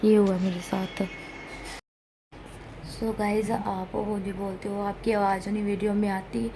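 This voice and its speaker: Woman vlogging at home, flat delivery. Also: medium pitch, measured pace. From India. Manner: plain, complaining, straight-talking. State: unwell, in pain. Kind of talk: casual home vlog talk. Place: home room with air conditioner running. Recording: noisy room, air conditioner hum.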